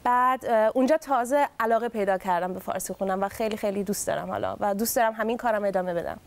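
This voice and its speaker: A woman's voice: mid-range voice, gravelly. Young woman with a German-Mashhadi Persian accent. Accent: Mashhadi Persian with German influence. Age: young adult. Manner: giggly, cheerful, easygoing. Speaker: singer, show guest. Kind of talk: casual interview chat.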